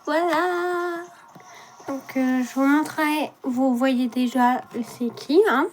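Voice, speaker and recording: A woman's voice: high-pitched, fairly even intonation, slow pace, a little hiss or hum. A woman chatting casually to viewers while unboxing, trailing off and restarting often. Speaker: vlogger.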